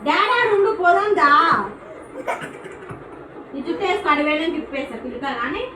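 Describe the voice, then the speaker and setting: Young woman, coaxing sing-song to a child, high voice, echoey noisy home room. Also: lively intonation, normal speed. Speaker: vlogger mother. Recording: echoey room with background noise.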